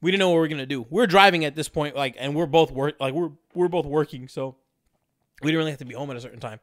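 A man's voice: fairly high pitch, fast, fairly bright tone, no echo, studio quality. Rambling, profane young man telling stories. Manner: rambling, profane, laughs often, many fillers. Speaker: podcast co-host. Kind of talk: casual storytelling chat.

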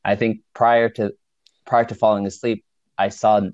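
A man casually recounting a story as a guest, with halting restarts and frequent chuckles. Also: lowish voice, flat delivery, darkish tone, no room sound. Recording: dull lo-fi dry recording.

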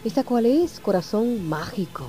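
A woman's voice: a little high, expressive, a little slow, dark tone, soft background music. A woman hosting a radio interview, talking in an effusive, affectionate way. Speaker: radio host. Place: radio studio in New York.

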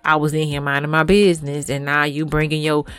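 A woman in her thirties with a low-pitched, smooth, fairly bright voice talks fairly quickly in a flat delivery. As a podcast co-host in casual chat, she speaks frankly and emphatically, often checking in with "right?".

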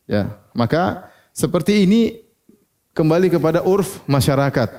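A male preacher, giving a religious lecture in a fairly high but mellow voice. He keeps putting questions to his listeners and then answers them himself. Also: sing-song, unhurried. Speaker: Islamic preacher.

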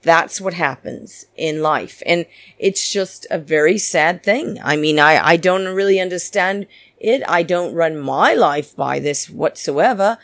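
A woman's voice: lowish voice, a little slow, no room sound, clean studio sound. A woman hosting a solo reality TV recap podcast in a campy, theatrical, diva-like manner, opinionated and gossipy. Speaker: podcast host.

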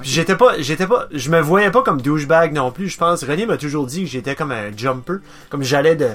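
Rambling New podcast host. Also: male voice, fairly high pitch, animated, a little fast, fairly bright tone, faint music behind. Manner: rambling, restarts, mixes in English words. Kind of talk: casual podcast chat.

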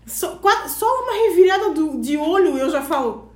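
Animated middle-aged teacher. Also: female voice, sits high, normal speed, reverberant. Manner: animated storytelling, quoting herself. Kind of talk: casual chat.

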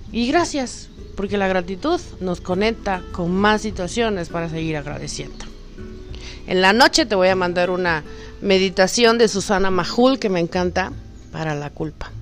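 Softly coaxing woman from Cuba. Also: fairly low pitch. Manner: affectionate, calls the listener sweetheart; soft, coaxing, often drops to a hush. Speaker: spiritual guide. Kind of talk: spiritual motivational talk.

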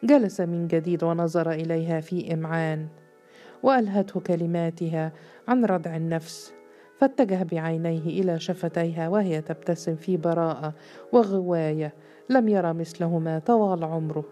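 A woman narrating a historical novel in a measured, steady storytelling voice. Her tone is low and mellow. Soft music plays faintly underneath. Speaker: audiobook narrator.

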